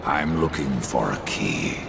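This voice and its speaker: Gravelly, grim horseman of death. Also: extremely low pitch, lively intonation, a little slow, noisy background, heavily acted. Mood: terse, guarded. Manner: terse, sardonic. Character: Death, grim sardonic male Horseman, brooding and defiant. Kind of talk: dramatic fantasy game acting.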